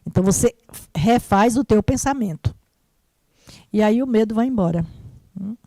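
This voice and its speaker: Conversational woman counselor, mellow voice. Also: medium pitch, normal speed, no echo. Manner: warm, conversational, repeats "né?" and "certo?". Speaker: mental health professional. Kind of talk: live-stream Q&A answer.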